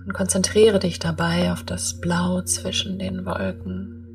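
A woman guiding a meditation in a soft, breathy, half-whispered soothing voice, speaking in slow, spaced-out calm instructions. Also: lowish voice, recorded from a distance, faint music behind. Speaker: podcast host and meditation guide. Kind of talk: guided meditation.

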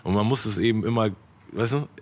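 A middle-aged man with a fairly low voice, talking casually on a podcast. He rambles through his thoughts, restarting sentences and drifting into loose asides. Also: fast talker, a little mellow. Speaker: rapper guest.

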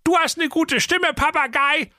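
A man's voice: very high-pitched, moderate pace, bright, forceful tone, no echo, studio quality, voice pushed up, heavily acted. A man voicing a bossy, impatient male donkey in a comic audio fairy tale. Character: bossy male donkey, laid-off railway crossing keeper.

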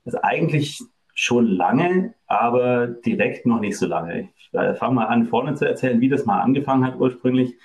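A man's voice: mid-range voice, expressive, moderate pace, a little mellow. A middle-aged man from Germany, a guest in a casual interview, speaking hesitantly with many fillers.

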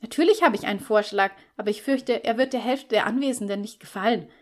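A woman voicing a cheerful, sly young woman flatmate who teases and gushes. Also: on the high side, fast, natural voice. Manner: bright, teasing, eager.

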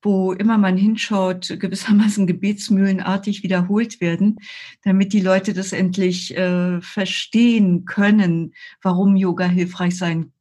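Older female yoga teacher, husky, measured guest explainer. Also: medium pitch, little pitch movement, a little mellow. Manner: slow, measured explaining with frequent hesitations. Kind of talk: explanatory interview talk.

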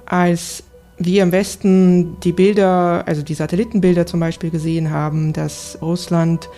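A woman working as a correspondent, explaining things in a conversational reporting style with a creaky voice. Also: on the low side, flat delivery, moderate pace, warm tone, faint music behind.

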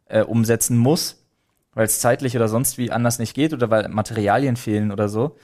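A man co-hosting a casual podcast chat, talking fast and animated, with many words in quick bursts. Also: medium pitch. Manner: fast, animated, laughs a lot. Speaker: podcast co-host.

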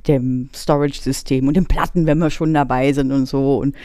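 A co-host of a casual tech podcast, chatty and quick to tease. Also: medium pitch, steady tone, mellow, dry recording, studio quality. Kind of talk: casual chat.

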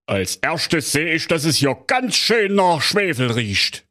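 A pompous fairy-tale police inspector, played by a man, who speaks in a raised, slow, self-satisfied drawl. He lays out each point with bureaucratic smugness in a comic audio story. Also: on the high side, big pitch swings, pushed and bright, voice pushed up, heavily acted. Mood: smug. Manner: drawling, know-it-all, bureaucratic.

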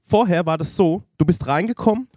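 A man's voice: high voice, brisk, dark tone, no room sound, clean studio sound. A man in casual podcast chat, telling anecdotes with slangy, enthusiastic emphasis.

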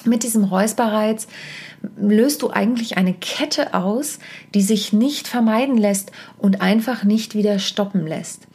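A woman's voice: medium pitch, a little slow, a little mellow. A middle-aged woman hosting a podcast, giving voice-care advice in a chatty, direct way with asides and self-corrections. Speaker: podcast host and stage coach. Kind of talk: casual spoken podcast advice. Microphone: podcast microphone.

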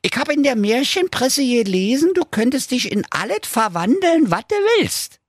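A man voicing a cheeky, boastful male talking dog who teases and goads in a raised, lively voice. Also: very high voice, moderate pace, slightly rough, no room sound, clean studio sound, voice pushed up, full character voice. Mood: teasing. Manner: cocky, teasing, mocking laughter.

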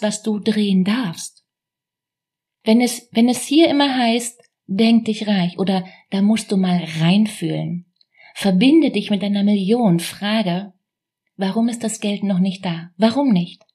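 A woman's voice: medium pitch, darkish tone. A woman giving a motivational talk as a business coach, speaking straight to the listener in a punchy, direct way.

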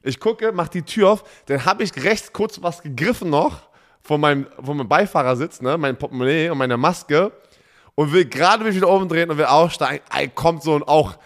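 A man co-hosting a casual podcast, talking in a chatty way and telling stories excitedly. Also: fairly high pitch, brisk. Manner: chatty, bursts of laughter, excitable retelling. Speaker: podcast co-host. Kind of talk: casual chat.

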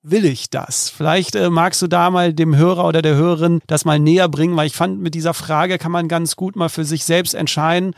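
A man's voice: fairly high pitch, fairly even intonation, brisk, creaky, few pauses, no echo, clean studio sound. A man hosting a podcast interview, asking friendly questions with frequent hesitations. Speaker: podcast host.

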